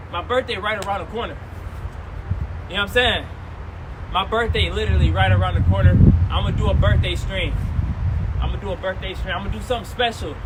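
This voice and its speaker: Young man in his twenties, high voice, casual rambling vlog, repeats himself, phone recording outdoors, clear traffic noise. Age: 20s. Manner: rambling, repeats phrases, colloquial. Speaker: streamer. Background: cars and city noise.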